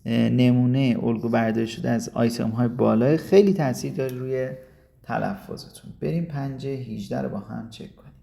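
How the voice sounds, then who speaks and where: A man from Iran, teaching a casual video lesson and coaxing students while slipping in slow English. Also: medium pitch, steady tone, vocal fry, warm tone.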